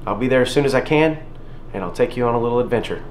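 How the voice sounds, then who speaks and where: A man's voice: medium pitch, rapid-fire, rough recording. A man in his thirties chatting casually to a handheld camera as a travel vlogger, mostly outdoors. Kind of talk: casual vlog talk to camera. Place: mostly outdoors by windy seaside. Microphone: handheld camera at arm's length. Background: wind, music.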